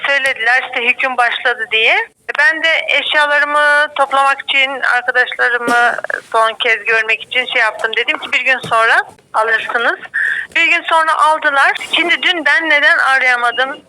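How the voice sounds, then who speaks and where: A woman speaking casually on a landline phone call, recounting and explaining events with hesitant pauses. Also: sits high, bright, forceful tone. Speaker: prisoner calling home by phone. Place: telephone call from prison. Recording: over a landline phone, faint noise.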